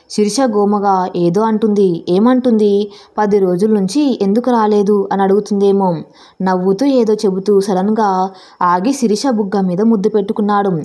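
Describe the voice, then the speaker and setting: A woman's voice: mid-range voice, warm tone. A woman reading a story aloud as narrator, voicing the dialogue in her own voice. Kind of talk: scripted narration of an audio story.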